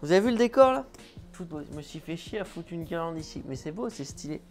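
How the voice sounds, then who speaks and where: A man from France chats to his viewers from home in a loose, joking vlog. He sounds offhand and playful. Soft music plays faintly behind him. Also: on the high side, expressive, quick pace. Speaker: vlogger. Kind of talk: casual vlog chat. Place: at home indoors.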